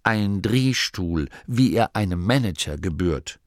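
A man's voice: deep voice, animated, dry recording, studio quality. A man voicing a small male nome who solemnly recites shop-sign slogans in a lofty, declaiming manner, in an audiobook reading. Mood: haughty. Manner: lofty, slow, declaiming like an advert.

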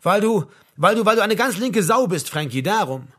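Man voicing agitated young male flatmate, shouting, accusing, husky high voice, audiobook. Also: fast talker, full character voice. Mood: shouting angrily. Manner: shouting, hurt, jabbing.

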